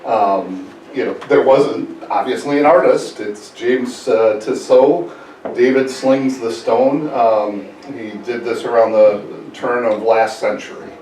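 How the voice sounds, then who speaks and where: A man leading an adult church class in a relaxed, halting way, with many fillers. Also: medium pitch. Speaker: adult education class leader. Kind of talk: casual church class teaching. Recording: roomy, from far off, faint noise.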